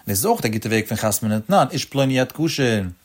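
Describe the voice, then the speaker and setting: A man giving an explanatory religious lecture as a teacher of religious law, speaking in a lilting, sing-song cadence with sudden rises in pitch and addressing his listeners directly as friends. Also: expressive, fairly quick.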